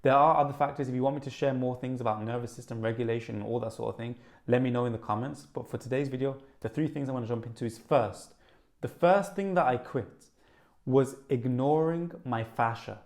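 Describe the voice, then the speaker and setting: A young man with a Birmingham accent, talking fast and eagerly to camera as a wellness vlogger, with lots of "like" fillers. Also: medium pitch, creaky. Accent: Birmingham (Brummie). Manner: fast, excited, animated, with many "like" fillers. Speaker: wellness YouTuber. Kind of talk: casual vlog talk to camera.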